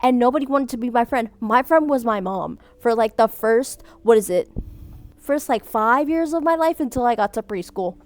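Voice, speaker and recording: A young streamer whose first language was Vietnamese reads out viewer submissions in a casual chat, speaking at normal speed in a slightly high voice. She is animated, laughs a lot, and often breaks off mid-sentence to start again.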